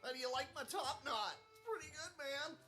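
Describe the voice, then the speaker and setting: A man's voice: very high voice, expressive, moderate pace, pushed and bright, soft background music, pitched above the performer's own voice, heavily acted. A man putting on a panicky, drawling cartoon slacker voice during a game stream. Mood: awed. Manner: panicky, drawling, stoner lilt. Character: stoned lanky young cartoon slacker man.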